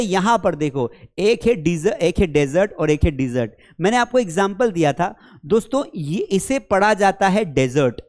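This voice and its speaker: A man teaching an online spoken-English lesson. He explains patiently, calls his viewers friends and children, and reads English example sentences slowly. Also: sits high, a little mellow.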